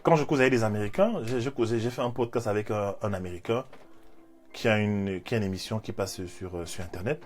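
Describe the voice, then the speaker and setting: A man, giving an animated, repetitive motivational faith talk as a life coach. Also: fairly low pitch, a little fast. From Cameroon. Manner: animated, repeats phrases, leans on fillers.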